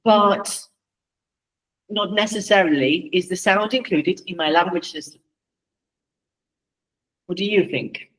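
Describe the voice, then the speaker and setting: A man's voice: high-pitched, takes it slowly, pauses often, fairly bright tone. A man, a language teacher, being interviewed and putting a question back to the host. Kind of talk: conversational interview. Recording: voice distant from mic.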